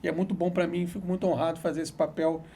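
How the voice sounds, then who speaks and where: Male interview host, high gravelly voice, quick long-winded questions. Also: flat delivery, warm tone, a little hiss or hum. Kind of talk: interview hosting.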